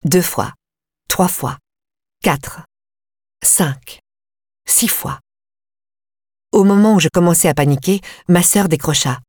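A woman reads a first-person audiobook in a calm, measured way. Her voice sits low. The recording is close and dry, with no room sound. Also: no echo. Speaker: audiobook narrator.

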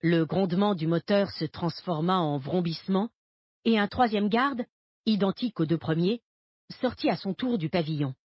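A woman narrating an audiobook thriller in a steady, even storytelling delivery. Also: lowish voice, normal speed, husky, no echo, clean studio sound.

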